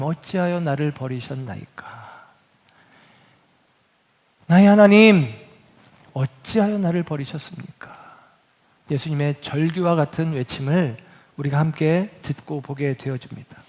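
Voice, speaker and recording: A male pastor delivers an earnest sermon, slowing down for scripture and rising for emphasis. His voice sits a little high for a man. It rings with long reverb, as in a large sanctuary. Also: a little mellow. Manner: reads scripture slowly, earnest preaching with emphatic rises. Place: church sanctuary.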